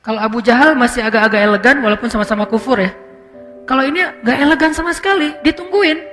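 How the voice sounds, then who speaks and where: A man preaching a relaxed, conversational sermon, speaking casually with slang, pausing on fillers and dropping in English words. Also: very high-pitched. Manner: casual, slangy, fills pauses with "apa", mixes in English words. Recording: long reverb with faint music underneath.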